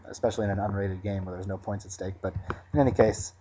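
A man calmly talking through a finished chess game move by move, thinking aloud with frequent fillers. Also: lowish voice, fast talker, slight background noise. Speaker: chess commentator. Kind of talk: post-game chess analysis.

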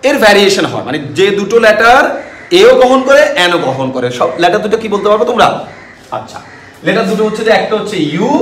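A man's voice: sits high, a bit bright. A young male teacher with a Bangladeshi accent giving an online grammar lesson, explaining step by step and often asking his students questions. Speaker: school English teacher. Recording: echoey room with faint hiss.

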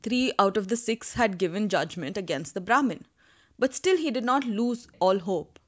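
A woman reading a folktale aloud in a calm, measured way. Her voice sits at a medium pitch. The recording is somewhat dull and lo-fi. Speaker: storyteller. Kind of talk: scripted folktale narration.

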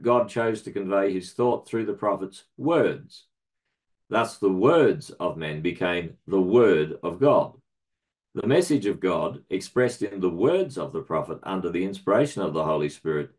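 A middle-aged man reading a prepared academic paper aloud in a measured, formal way, marking each citation with quote and end quote. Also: deep voice, a little mellow. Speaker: research centre director presenting a paper.

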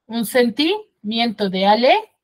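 A woman's voice: fairly high pitch, very animated, slow. A woman schoolteacher giving an online grammar class, explaining step by step and checking with her pupils.

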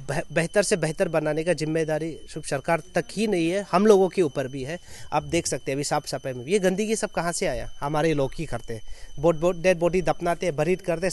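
Outdoors in an open clearing with trees, a man in his thirties with a Northeast Indian accent from Arunachal gives an earnest, off-the-cuff press statement, repeating phrases in lists for emphasis. He is a foundation chairman and activist. His voice is a little high with a darkish tone, captured by reporters' handheld microphones held at chest height.

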